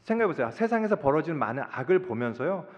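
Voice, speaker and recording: A male pastor delivers a sermon in a fairly high voice that rises and falls with emphasis. He keeps asking the congregation direct questions. The sound carries a long church-hall echo and a dull, muffled tone. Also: big pitch swings, very fast. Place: church sanctuary.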